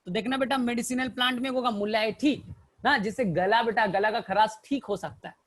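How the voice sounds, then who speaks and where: A man's voice: very high-pitched, normal speed, fairly bright tone. A male teacher giving a botany lecture through mnemonic stories, who keeps calling his students "beta" and asks and answers his own questions.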